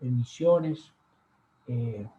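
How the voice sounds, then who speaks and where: A man giving a university lecture over slides, unhurried and full of fillers and pauses. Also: mid-range voice, animated, warm tone, slight background noise. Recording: echoey room, dull lo-fi sound.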